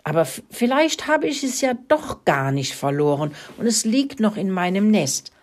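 A woman's voice: mid-range voice, sing-song, moderate pace, pitched above the performer's own voice, close to an everyday voice. A woman voicing a nervous, fibbing hen in a storybook reading, stammering and flustered.

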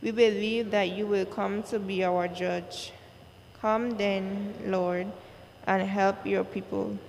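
A woman leading a church service, reciting the liturgy in a slow, measured way, her voice carrying a cathedral echo. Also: medium pitch, level tone, creaky, darkish tone. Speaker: worship leader. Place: large church. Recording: long church reverb, faint noise.

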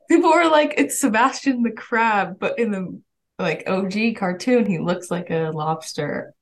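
A woman's voice: mid-range voice, measured pace. Chatty young woman co-host. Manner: chatty, rambling, full of "like" and laughs. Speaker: podcast co-host. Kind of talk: casual chat.

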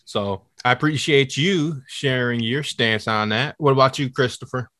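A man's voice: mid-range voice, moderate pace, sharp tone, no echo. An easygoing man hosts a podcast, asking his guests questions and laughing along with them. His voice sits in the middle range and sounds dry and close. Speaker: podcast host. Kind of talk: casual chat.

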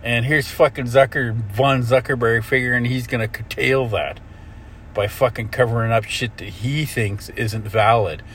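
A man's voice: medium pitch, moderate pace, a bit bright. Middle-aged man, profane angry rant, swears nonstop, faint traffic hum behind. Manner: angry, swearing constantly, worked up. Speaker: solo commentator. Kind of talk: profane ranting monologue.

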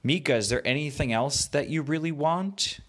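A man's voice: fairly high pitch, moderate pace, fairly bright tone, pitched above the performer's own voice, lightly acted. A man voicing a friendly, boastful magical narwhal in a children's bedtime story, with a playful showman's manner. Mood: eager, helpful.

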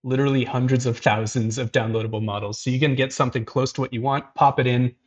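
In a steady, mid-range voice and at a quick clip, this man hosts an art livestream and chats loosely with viewers. He leans hard on fillers like "um" and "like" and often restarts his sentences.

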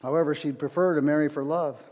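A man's voice: fairly high pitch, steady tone, fast talker, lo-fi sound. Earnest male pastor preaching in a hall. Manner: earnest, repeats words as he restarts. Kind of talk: sermon.

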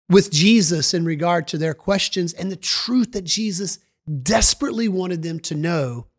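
A podcast Bible teacher narrating a scripted Bible story and earnestly guiding listeners on what to listen for. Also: mid-range voice.

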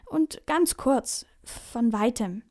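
A woman's voice: a little high, lively intonation, drawn-out words, a little mellow. A woman voicing a cheeky, chatty young boy in a children's story reading. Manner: chatty, teasing.

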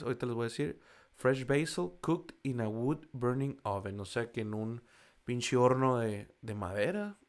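Mexican dude reading off a list, swears a lot, trips on foreign words. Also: male voice, medium pitch. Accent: Mexican Spanish. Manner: slangy and profane, stumbling over foreign words. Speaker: vlogger. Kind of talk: casual chat reading a list.

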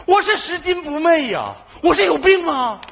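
A man's voice: very high-pitched, sing-song, moderate pace, creaky, exaggerated voice. A male actor playing a cranky, honest man who found cash, indignant and squabbling in a live stage comedy sketch. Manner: indignant, shouting back, squabbling. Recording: live stage with loud audience laughter and noise.

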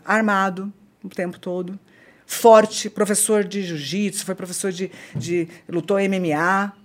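A woman with a Brazilian accent, a podcast guest recounting a personal story in an earnest, halting way, often repeating herself. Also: mid-range voice.

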